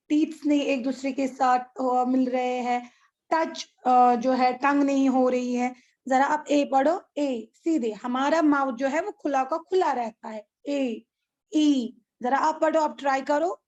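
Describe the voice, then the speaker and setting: A woman's voice: sits high, darkish tone, muffled recording. A woman with an Indian accent teaching an online class over a video call, patient and repeating things, asking her pupils checking questions.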